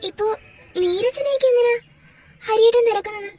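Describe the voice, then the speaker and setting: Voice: very high-pitched, a little fast, very noisy. A performer voicing a bewildered young wife in a home-made doll drama, pleading in confusion and close to tears. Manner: pleading, confused, rising to tearful.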